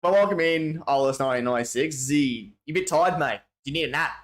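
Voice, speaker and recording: A man's voice: fairly high pitch, animated, quick pace, a bit bright. Australian man, stream host, casual slangy chat, rambling with restarts, answers chat messages. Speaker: livestream host.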